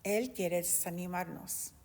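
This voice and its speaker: A woman's voice: fairly low pitch, slow, creaky, a little mellow. A woman in her fifties preaching a sermon and giving an earnest, impassioned personal testimony. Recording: long hall reverb.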